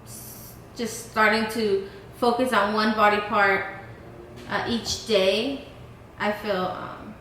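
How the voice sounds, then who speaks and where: Bright-voiced woman in her twenties, echoey room. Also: mid-range voice, steady tone, slow pace, a little hiss or hum. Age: 20s. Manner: casual, many fillers like "um" and "like". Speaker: vlog host. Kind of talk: casual Q&A chat. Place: indoor lounge room.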